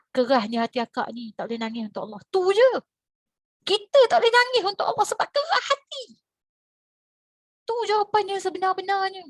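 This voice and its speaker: Woman religious teacher with a Malaysian Malay accent, animated and questioning, dry close mic. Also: no echo. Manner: animated, rhetorical questions, sudden high exclamations. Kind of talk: lively religious lecture. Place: lecture hall.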